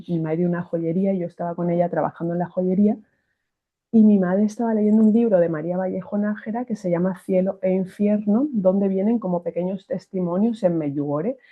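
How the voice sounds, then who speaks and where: A woman with a Spanish accent from Spain tells a personal faith testimony in a lively way, often restarting her phrases. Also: fairly low pitch. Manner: animated, restarts phrases, acts out quoted voices. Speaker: guest giving a faith testimony. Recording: tinny phone-like sound.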